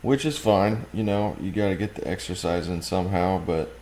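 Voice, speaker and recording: A man's voice: low-pitched, moderate pace, a little mellow. A young man narrating his food delivery rounds in a chatty, casual vlog voice. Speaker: food delivery courier and vlogger.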